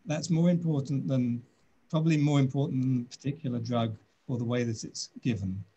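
A man in his sixties with a British accent, a doctor answering webinar questions on a video call from his office, speaking in a measured, thoughtful way with many pauses. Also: medium pitch, muffled recording, noisy background.

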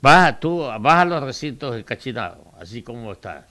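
A man's voice: mid-range voice, animated, moderate pace, pushed and bright. A man interviewing on the radio, cutting in with brief questions.

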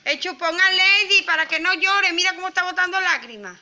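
A woman with a Latin American Spanish accent hosts a toy channel, playing mother to a crying baby doll in a sweet, coaxing voice. Her voice is very high, brisk, pushed and bright.

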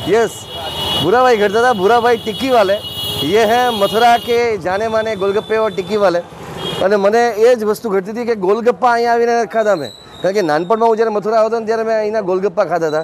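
Host voice through a face mask: a high-pitched man chatting about street food, clear traffic noise behind. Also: a little fast. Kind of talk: food tour vlog, casual chat. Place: outdoors at a street food stall. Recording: noisy street recording.

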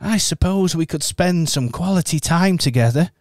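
A man's voice: on the high side, animated, normal speed, darkish tone, lightly acted. A man voicing Kong Bear, a kind and caring male talking bear, in a radio pantomime. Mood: gentle.

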